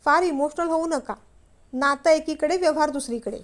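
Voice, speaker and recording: A woman's voice: high-pitched, moderate pace, natural voice. A woman doing a worried coaxing young wife. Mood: pleading. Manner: pleading, persuasive.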